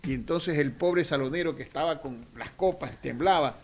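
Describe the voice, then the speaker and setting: A middle-aged man, a political candidate giving a forceful, theatrical radio interview. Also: on the high side, normal speed. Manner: forceful, theatrical, swells to shouting. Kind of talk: radio interview, campaign speech.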